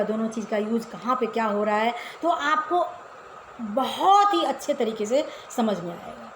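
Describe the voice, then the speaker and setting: A woman with a slightly high voice teaches Hindi casually to children, explaining one step at a time and frequently asking them questions. The recording has an echoey room, faint ambience, and a little hiss or hum.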